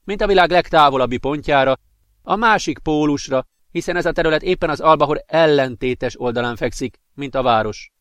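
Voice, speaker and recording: An earnest young alien woman, voiced by a man in a spoken storybook, set somewhat above the reader's normal pitch. She speaks in a steady, explanatory way, and the recording is dry and close. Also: no echo, close to an everyday voice.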